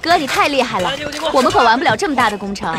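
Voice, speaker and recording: A woman's voice: a little high, animated, fast talker, a crowd in the background, lightly acted. A woman playing a teasing political instructor.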